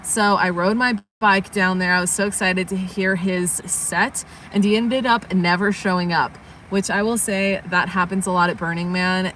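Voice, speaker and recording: Young woman livestream vlogger, drowsy, rambling casual chat, lowish voice, faint background hum. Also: a bit bright. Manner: rambling, chatty, yawning. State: sleepy, just woke up.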